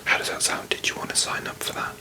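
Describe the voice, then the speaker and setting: A hushed library whisper with a British accent carries this whispered role-play. A performer plays a strict librarian who is officious and slightly condescending. The words stay breathy and unvoiced, politely businesslike in an ASMR manner. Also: fast, natural voice.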